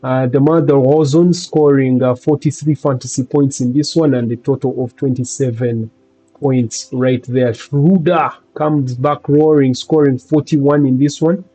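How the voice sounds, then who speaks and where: A man hosting a fantasy basketball video, recapping games and stats in a halting casual way with many fillers. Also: medium pitch, fairly even intonation, mellow, breathy edge, soft background music, poor audio. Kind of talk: casual recap over game highlights.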